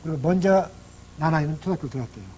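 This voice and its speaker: A man's voice: on the high side, expressive, rapid-fire, mellow, slight background noise, low-quality recording. A man giving a public lecture on marriage, recounting an anecdote in a conversational way.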